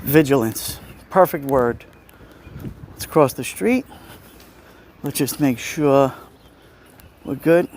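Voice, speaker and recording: Out walking on a city street, a middle-aged livestream host with a Brooklyn Italian-American accent chats with viewers casually. His mid-range, darkish voice moves slowly and pauses often. Outdoor street noise and passing vehicles are audible.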